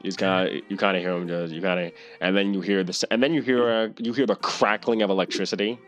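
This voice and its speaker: A man's voice: sits low, steady tone, fast, a bit bright, soft background music. A man narrating a tabletop game as game master, rambling and searching for words with many restarts.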